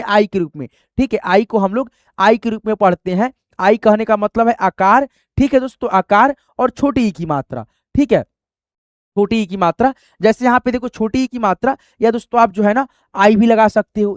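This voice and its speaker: A man's voice: high voice, no room sound, clean studio sound. A man teaching an online lesson, spelling English words letter by letter and quizzing viewers with repeated friendly fillers. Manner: repeats "doston" and "theek hai", quizzes the viewer.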